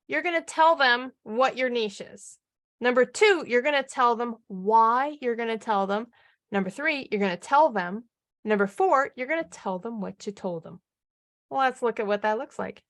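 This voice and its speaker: A woman coaching a live online marketing training, energetic and upbeat, often firing questions at her audience. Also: on the high side.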